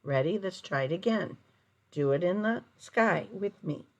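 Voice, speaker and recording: A woman teaching young children like a kids show host, in simple phrases with prompting questions and deliberate, sing-song counting. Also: lowish voice, animated, muffled recording. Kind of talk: early-grade counting lesson, addressed to children.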